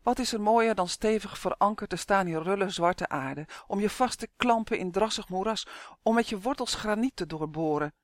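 A grave, dreamy forest spirit with a soft rustling voice, fond of his trees, as a man voices him in a storybook. Slightly high for a man, close and dry. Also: moderate pace, no room sound, close to an everyday voice. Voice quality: rustling, soft like birch leaves.

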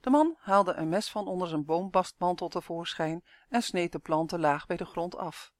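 A narrator reading a children's novel aloud in a steady, even storytelling manner. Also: mid-range voice, normal speed, no room sound, studio quality. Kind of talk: audiobook narration.

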